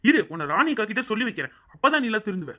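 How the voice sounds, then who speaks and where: A woman's voice: fairly high pitch, sing-song, rapid-fire, sharp tone, full character voice. A woman voicing a hot-tempered young neighbour in a cartoon, talking in a combative, threatening way. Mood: angry. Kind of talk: cartoon voice acting.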